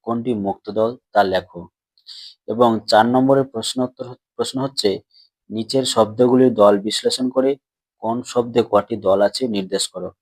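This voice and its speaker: A man teaching grammar to schoolchildren, patiently asking questions and answering them himself, and slowly stretching words out as he splits syllables. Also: mid-range voice, darkish tone, no echo. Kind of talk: classroom lesson explanation.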